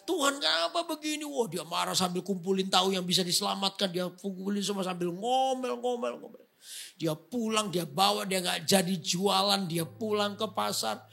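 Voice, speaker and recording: A male pastor telling a story in a sermon, swinging from hushed narration to shouting. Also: high-pitched, fairly even intonation, normal speed, gravelly, soft background music.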